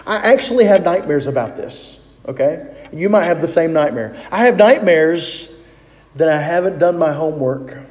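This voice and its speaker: High-voiced man preaching in a hall. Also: lively intonation, normal speed, darkish tone. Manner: conversational preaching with rhetorical questions and reading scripture aloud. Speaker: pastor. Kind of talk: sermon.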